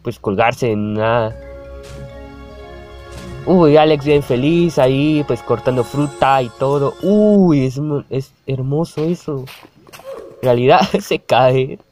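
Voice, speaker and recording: Here the young man's mid-range voice is slow and a little mellow, with soft music in the background. He offers casual reaction commentary on a video for his channel, often laughing and calling out to what he sees.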